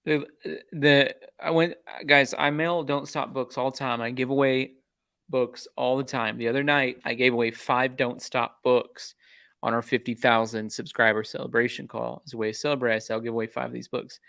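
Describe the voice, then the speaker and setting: A man with a gravelly, fry-touched voice talks casually to his livestream audience. His story rambles and restarts, with an exasperated tone. The close mic gives a dry, flat sound. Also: medium pitch, normal speed, no room sound. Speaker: YouTube true-crime channel host.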